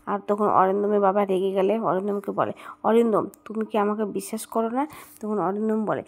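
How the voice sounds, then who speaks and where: A woman telling the story of a TV serial episode, moving between narration and the characters' quoted lines. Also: medium pitch. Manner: retells a plot with quoted dialogue. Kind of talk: storytelling recap.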